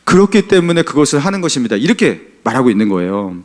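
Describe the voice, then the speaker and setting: Animated, chatty male pastor preaching. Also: fast. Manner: conversational preaching, often asking the congregation "그죠?"; swings between emphatic raised lines and soft, low asides. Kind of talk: sermon.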